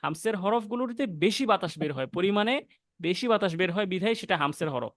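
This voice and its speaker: A young man with a high, light voice and a Bangladeshi Bengali accent teaches Quran recitation in a patient, step-by-step way. He breaks off now and then to sound out letters softly. The recording is dry and close, with no room sound. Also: lively intonation, no room sound. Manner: explains patiently, then recites verses slowly and drawn out; demonstrates soft breathy letter sounds. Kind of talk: online class lesson with slow recitation.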